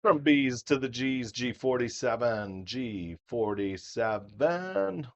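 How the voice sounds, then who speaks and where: Male bingo caller needed: playful, swinging pitch, slow deliberate number calls with repeats. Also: lively intonation, lo-fi sound. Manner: playful, repeats each call in drawn-out fashion.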